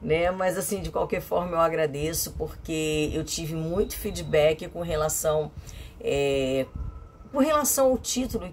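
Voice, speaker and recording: A woman's voice: lowish voice, slight background noise. A middle-aged woman from Brazil talking to her viewers in a chatty, emphatic vlog monologue, repeating phrases for effect. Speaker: vlogger.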